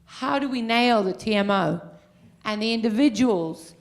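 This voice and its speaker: Slow-speaking earnest woman from audience. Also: fairly high pitch, lively intonation. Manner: earnest, pauses with um. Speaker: audience member asking a question. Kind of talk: question from the floor.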